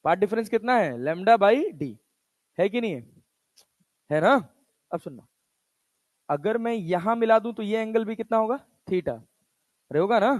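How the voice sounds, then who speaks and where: A man's voice: high-pitched, no echo. A male physics teacher giving a lecture, firing questions at his students and answering them himself, in a casual, chatty way. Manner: casual, chatty teacher talk in Hindi with English terms. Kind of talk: classroom lecture.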